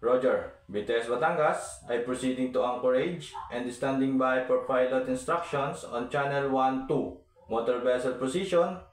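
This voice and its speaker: Man calling over a ship's radio, echoey. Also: mid-range voice. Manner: formal and measured, spells out letters and digits. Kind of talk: scripted maritime radio procedure.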